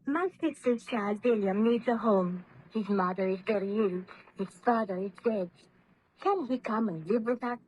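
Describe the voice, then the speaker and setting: A woman playing a gentle young fiancée. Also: mid-range voice, moderate pace, a little hiss or hum, lightly acted, low-quality recording. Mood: pleading. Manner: polite, pleading delivery. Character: gentle young fiancée, soft-spoken and kind. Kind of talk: 1930s radio acting.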